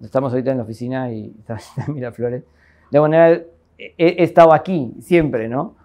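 An architect in his forties from Lima, Peru, gives a reflective interview monologue from an office lined with bookshelves. His Limeño Spanish comes at an even, unhurried mid pitch as he muses aloud, full of fillers and often closing a thought with a questioning "¿no?"

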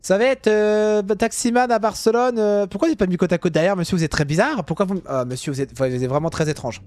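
Casting: young gamer, slightly high voice, joking commentary with sudden outbursts. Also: male voice, quick pace, dry recording. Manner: chatty, jokey, swings to loud yelling at drivers. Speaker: gaming youtuber. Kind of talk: casual gameplay commentary.

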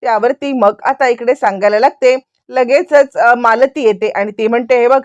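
A woman's voice: on the high side, normal speed, darkish tone, no room sound, dull audio. A woman retelling a TV serial episode in a rambling way, with many linking phrases. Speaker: serial recap narrator.

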